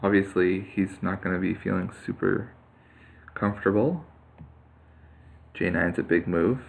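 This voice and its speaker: A man with a deep, gravelly voice talks through his moves at an unhurried pace. He thinks aloud as he plays, full of fillers and restarts. It sounds like casual live commentary over a screen recording. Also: steady tone. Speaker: player commenting live on his own Go game. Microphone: computer mic on a screen capture.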